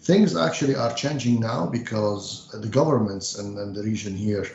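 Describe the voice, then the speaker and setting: A man's voice: lowish voice, creaky, a little mellow, echoey room, muffled recording, slight background noise. A middle-aged man from Lebanon, a banker answering interview questions with many hesitations. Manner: measured, frequent hesitations. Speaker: investment banker guest.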